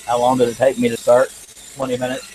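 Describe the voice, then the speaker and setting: A man's voice: medium pitch, completely flat delivery, fast talker, darkish tone, a little hiss or hum, rough recording. A man chatting casually as he hosts a workshop livestream, folksy and joking in manner. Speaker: livestream host, scroll saw craftsman. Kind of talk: casual live chat while working.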